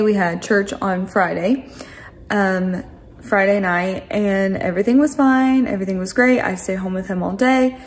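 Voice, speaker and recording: Young woman in her twenties, casual home vlogger, rambly and chatty, filmed on a handheld camera in her kitchen. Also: mid-range voice. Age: 20s. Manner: chatty, rambling with frequent ums and likes. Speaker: lifestyle vlogger. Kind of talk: casual vlog chat to camera. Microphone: phone camera at arm's length.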